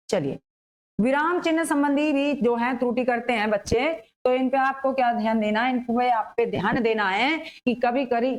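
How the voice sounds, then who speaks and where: A woman teaching an exam-prep grammar class in a high, light voice. She talks her students through each example, asking a question and then answering it herself. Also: low-quality recording. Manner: explains slowly, asks and answers her own questions.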